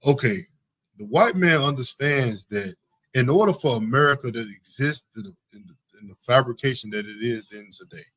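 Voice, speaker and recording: Raspy guy hosting, preachy and worked up, dry close sound. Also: medium pitch, lively intonation, normal speed, a bit bright, dry recording. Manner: emphatic, preachy, repeats "you know what I'm saying". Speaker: podcast host. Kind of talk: heated religious commentary.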